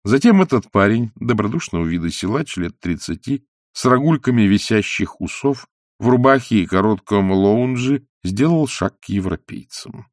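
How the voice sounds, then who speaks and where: A man narrating a novel as an audiobook in a measured reading. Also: lowish voice, animated, no echo, studio quality. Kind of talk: scripted narration.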